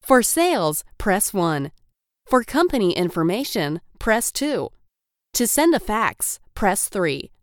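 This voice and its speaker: A woman's voice: medium pitch, big pitch swings, takes it slowly, dry recording, clean studio sound. A woman reading scripted phone menu greetings in a polite customer-service manner. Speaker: phone menu voice-over artist.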